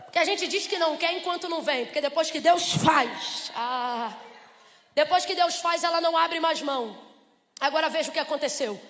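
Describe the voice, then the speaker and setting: A woman preaching a lively sermon to a congregation, acting out the voices in her stories and asking the crowd rhetorical questions. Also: high voice, moderate pace, in a large hall. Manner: animated storytelling, acts out voices, rhetorical questions.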